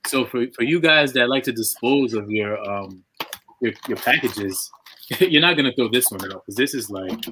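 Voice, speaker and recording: A man chatting excitedly with fellow artists on a live video call, gushing and laughing as he talks. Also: mid-range voice, normal speed, a little hiss or hum. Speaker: diorama artist on a live panel. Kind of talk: casual chat.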